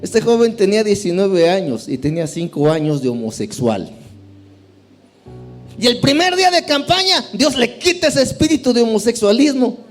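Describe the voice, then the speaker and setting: Impassioned high-voiced male preacher. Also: sing-song, normal speed, soft background music. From California. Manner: impassioned, swings from loud cries to low intense asides. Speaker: evangelist preacher. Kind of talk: sermon testimony.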